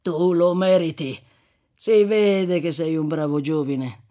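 A reader voicing a rough, boastful male plague corpse-carrier who jeers and shouts in triumph. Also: medium pitch, fairly even intonation, takes it slowly, natural voice. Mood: rabble-rousing. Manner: loud, jeering and triumphant.

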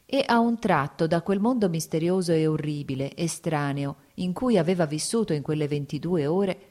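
A woman with a fairly low voice narrates a classic novel as an audiobook, reading aloud in a steady, measured way.

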